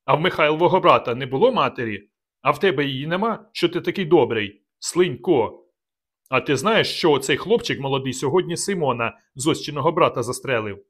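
A man's voice: on the high side, expressive, brisk. A man doing a fierce peasant rebel leader. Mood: enraged. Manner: harsh, barking, rough-spoken.

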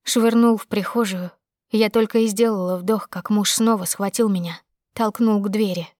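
A woman's voice: medium pitch, fairly even intonation, moderate pace, darkish tone, dry recording, clean studio sound. Woman narrating a tense audiobook. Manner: tense, emotional storytelling. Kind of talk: first-person dramatic audiobook narration.

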